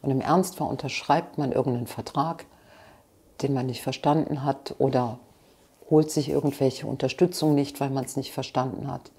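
Speaking at normal speed in a bass, mellow and husky voice with a steady tone, a woman is a guest interviewed in her living room. Her answers are frank and passionate, broken by restarts and asides.

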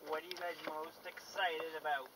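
A middle-aged man, the father, asking his kids quiet questions from behind the camera in a family van. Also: on the high side, level tone, normal speed, husky, distant mic, low-quality recording.

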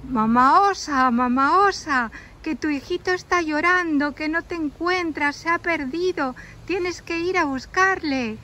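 A woman's voice: high-pitched, measured pace, hardly any pauses, sharp tone, voice pushed up. A woman voicing a worried mother squirrel who urgently calls out in a toy-play story. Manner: urgent, pleading.

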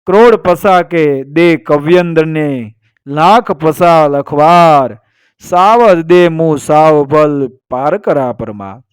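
A man voicing a court bard who chants praise verses slowly in a told folk tale. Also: fairly high pitch, smooth, no echo. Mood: chanting.

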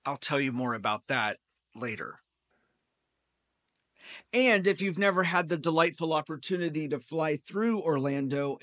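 Slow, measured pastor preaching from the pulpit. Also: male voice, fairly high pitch, fairly bright tone, dry recording. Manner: storytelling with dry humor. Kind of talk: sermon. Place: church sanctuary at a pulpit. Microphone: pulpit gooseneck mic.

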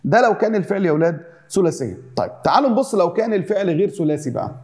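A man with an Egyptian accent teaching an Arabic grammar lesson, repeating examples in slow rhythmic lists. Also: fairly high pitch, warm tone.

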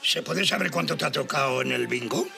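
A gravelly sarcastic old husband. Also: male voice, a little high, a little fast, pushed and bright, soft background music, full character voice. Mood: mocking. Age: older. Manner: sarcastic, talks to camera. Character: grumbling older husband, sarcastic and fussy. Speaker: sitcom husband. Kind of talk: sitcom acting.

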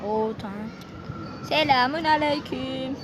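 A woman using a disguised deep voice while chatting during a horror game. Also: measured pace, background noise. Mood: mock solemn. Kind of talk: casual gameplay chat.

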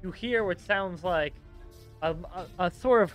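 Game master narrating with a Boston accent. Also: male voice, sits high, unhurried, faint music behind. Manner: relaxed, hesitant descriptive narration.

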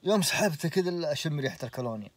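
Saudi man telling a lively story. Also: on the high side, very fast, a little hiss or hum. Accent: Saudi Arabic. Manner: animated, swears oaths, laughs through the story. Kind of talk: casual storytelling.

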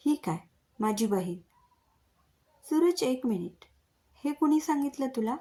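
A woman's voice: high voice, expressive, a little slow, mellow, pitched above the performer's own voice. A woman voicing a puzzled, direct young woman in a read-aloud story. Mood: questioning.

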